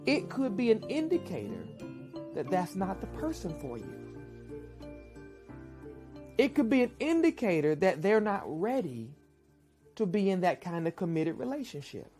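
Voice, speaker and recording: A woman giving measured, persuasive relationship advice in a documentary interview. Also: medium pitch, sing-song, dark tone, faint music behind. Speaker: relationship speaker.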